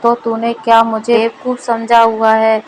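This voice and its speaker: A woman voicing a stern rich male village moneylender who scolds and threatens in a gruff manner. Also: a little high, monotone, measured pace, darkish tone, a little hiss or hum, natural voice, low-quality recording. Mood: angry.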